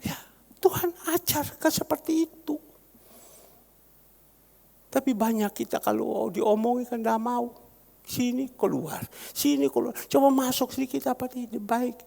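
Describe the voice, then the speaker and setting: A man preaching as a pastor, repeating phrases fervently and rising to sudden loud peaks. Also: very high voice, unhurried, creaky, long pauses. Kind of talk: sermon. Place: large church hall. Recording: long church-hall reverb.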